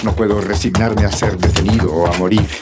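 An actor playing a proud wounded fugitive in a radio serial, speaking with solemn, strained defiance. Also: male voice, lowish voice, steady tone, brisk, heavy background noise, natural voice. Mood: resolute. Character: wounded heroic male fugitive, proud, defiant, protesting innocence. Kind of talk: radio serial melodrama acting. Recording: dramatic music behind the voice.

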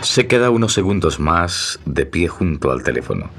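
Solemn melodrama narrator, very low voice, lively intonation, emotive scripted delivery. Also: male voice, normal speed, vocal fry, faint music behind, exaggerated voice. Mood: solemn, tender. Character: solemn, emotive male storyteller of a romantic melodrama.

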